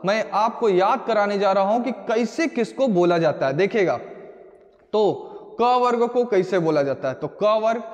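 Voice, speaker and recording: Male teacher, high-pitched, emphatic drilling, exam-coaching lesson, echoey room. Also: lively intonation, unhurried, highs cut off. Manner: emphatic, repeats key points, drills students with questions. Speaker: Hindi grammar teacher.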